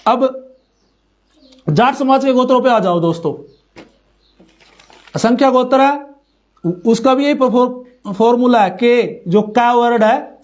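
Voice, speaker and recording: Slow-reading Haryanvi man, high-pitched. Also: darkish tone. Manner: slow deliberate list reading, then brisk asides addressing friends. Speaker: community speaker. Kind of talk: informal talk reading lists of clan names.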